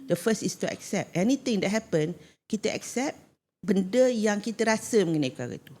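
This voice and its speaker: A woman's voice: medium pitch, lively intonation, normal speed, darkish tone, a little hiss or hum. A middle-aged woman with a Malaysian accent, a parenting expert giving advice on a casual podcast. She switches into English and acts out parent-child talk.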